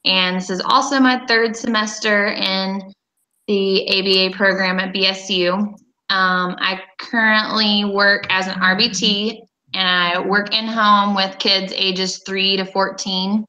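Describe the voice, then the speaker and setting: A woman in her twenties introducing herself as a student in an unhurried, plain way on a video call. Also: medium pitch, flat delivery, sharp tone, rough recording. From United States. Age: 20s. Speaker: student presenter. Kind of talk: self-introduction.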